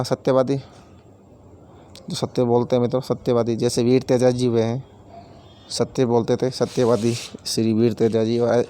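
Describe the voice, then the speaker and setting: A man's voice: mid-range voice, a little mellow, clear, resonant tone. A man teaching a grammar lesson, explaining each word with everyday examples and repeating key terms, addressing viewers as friends.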